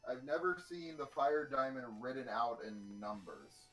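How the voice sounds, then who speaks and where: A man's voice: mid-range voice, measured pace, a bit bright, soft background music, low-quality recording. A man on a voice chat with a friend, chatting casually and explaining things while he works.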